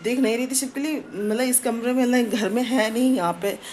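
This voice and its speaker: A woman's voice: a little high, brisk, a little mellow, slight background noise. A middle-aged woman chatting casually in a home vlog, rambling with many fillers, recorded indoors on a phone. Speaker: family vlogger.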